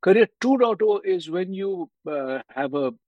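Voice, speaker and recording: A man with an Indian English accent, a guest author giving measured explanations in an interview. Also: high-pitched, expressive, no room sound, highs cut off. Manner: measured, explanatory, with frequent fillers.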